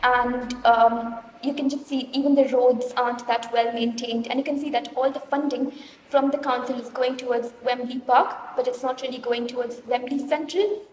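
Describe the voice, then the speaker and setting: A woman's voice: high voice, fairly even intonation, normal speed, a little mellow, slight background noise. A young woman answering interview questions in a hesitant, observational way. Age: young adult. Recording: distant mic in echoey hall.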